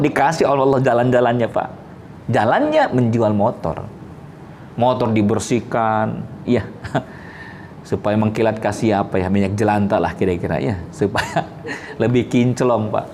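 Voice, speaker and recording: A male preacher telling a story in a sermon, turning to his listeners and often rising high and loud at its peaks. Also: slight background noise. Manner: addresses listeners directly, with frequent asides.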